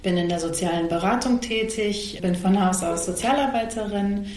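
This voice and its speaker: A woman in her forties, a social worker, answers conversationally as an interview guest. Her voice is medium in pitch, slightly mellow, and at a normal speed, recorded in an echoey room with faint background noise.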